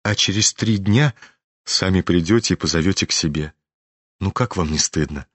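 A man reading an audiobook, voicing a meek, earnest young prince in a soft, hushed manner. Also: low voice, moderate pace, no room sound, pitched below the performer's own voice. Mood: pleading. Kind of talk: audiobook character voice.

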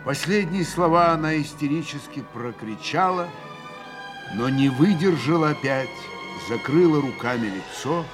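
A man narrating a classic novel in a theatrical, expressive audiobook reading. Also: on the high side, unhurried, over music. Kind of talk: dramatic literary reading.

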